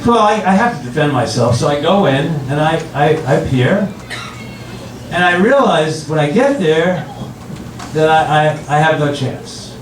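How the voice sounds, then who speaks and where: An older man performing stand-up comedy in front of an audience, telling stories with halting restarts and repeated phrases. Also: fairly high pitch, animated. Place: room with an audience, recorded from a distance. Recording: roomy, distant mic, very noisy.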